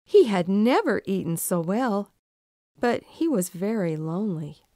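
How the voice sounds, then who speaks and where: A woman with a mid-range voice reads a children's storybook aloud, expressive and deliberate in her storytelling. The studio recording is clean, with no room sound.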